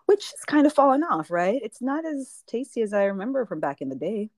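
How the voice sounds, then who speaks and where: A woman's voice: on the high side, sing-song, brisk, no room sound. A woman co-hosting a podcast, chatting casually and laughing often, trailing off with fillers. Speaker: podcast co-host. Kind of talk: casual chat.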